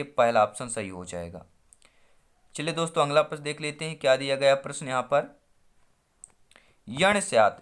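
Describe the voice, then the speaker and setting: Man teaching an exam-prep lesson. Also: medium pitch. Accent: Hindi-speaking India. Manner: quizzing, drawing out syllables as he works through answers.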